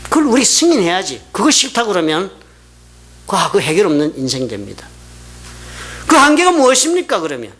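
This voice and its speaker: A male pastor preaching in a high, very lively voice. He talks to the congregation in a conversational way and keeps asking them questions. He jumps from loud, punchy lines down to quiet asides. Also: brisk, pauses often. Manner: swings between loud emphatic peaks and quiet asides. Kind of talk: sermon.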